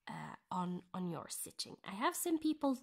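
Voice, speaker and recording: A woman with a Norwegian accent, who learned English as a second language, walks viewers through her cross-stitch in a gentle half-whisper for a casual stitch-along. Her medium-pitched voice has a sing-song lilt, broken by thoughtful pauses.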